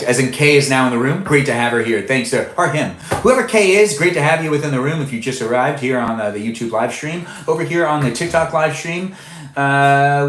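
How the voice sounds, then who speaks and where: A man's voice: medium pitch, fairly bright tone, roomy sound, slight background noise. A man in his twenties hosting a live stream, casually chatting and reading out viewer comments with frequent laughs. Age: 20s. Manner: chatty, reads viewer names aloud, laughs often. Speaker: livestream host.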